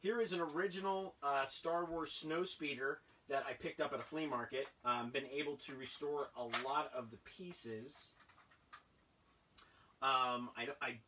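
A man in his thirties chatting casually and rambling with excitement as he unboxes old toys in a cluttered basement room. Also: mid-range voice, unhurried, far from the mic, a little hiss or hum. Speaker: toy collector vlogger. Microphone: camera a few feet away.

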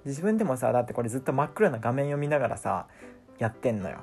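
A man's voice: medium pitch, big pitch swings, quick pace, darkish tone, soft background music. A man with a records a casual voice-over for his vlog, complaining in an exasperated, whiny way. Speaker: vlogger.

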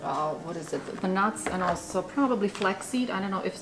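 A woman's voice: medium pitch, animated, a little fast, background noise. A woman from the Czech Republic in her forties with a Czech accent, chatting animatedly in an interview in a small office, with many fillers. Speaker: food company founder. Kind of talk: casual interview chat. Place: small office with bookshelves, indoors.

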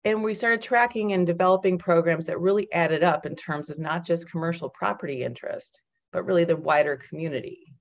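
A woman keynote speaker presenting over slides in a measured, explanatory way, with frequent ums and restarts. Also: on the low side. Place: indoors at home on a video call. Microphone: computer mic on a webcam call. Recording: dull lo-fi video call audio.

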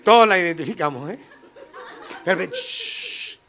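A man's voice: high voice, wildly swooping pitch, unhurried, pushed and bright, some chatter behind. A man with a Mexican Spanish accent doing profane, rowdy stand-up comedy, laughing often and teasing the audience. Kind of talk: stand-up comedy with crowd work.

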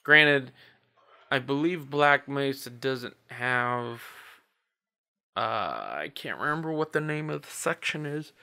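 A man's voice: medium pitch, animated, takes it slowly, pushed and bright. A man hosting a casual let's-play, chatty and jokey, yelping at his in-game mishaps. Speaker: gaming channel host.

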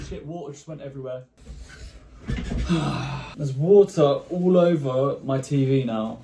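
A young man vlogging in his bedroom as he tries candy, excitable and joking, cursing and exclaiming as he goes. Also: mid-range voice, reverberant, slight background noise. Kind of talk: casual candy-tasting vlog.

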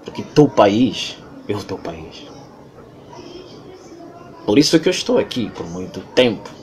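An interviewee from Angola, speaking with an Angolan Portuguese accent, delivers an emphatic, lecturing monologue full of repetition. His voice is on the low side and very animated, his pace a little slow, and there is a little hiss or hum in the recording.

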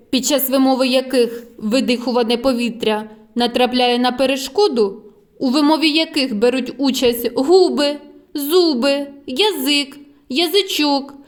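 A woman with a fairly high voice leads a lesson for small children. She speaks very slowly in a sing-song way, drawing out each sound clearly and coaxing the little ones with questions. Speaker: preschool teacher.

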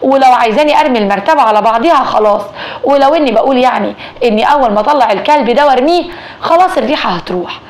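A woman voicing a calm, practical Egyptian husband in a told story, speaking steadily in a slightly lowered voice. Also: rapid-fire, close to an everyday voice. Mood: steady. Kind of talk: storytelling dialogue.

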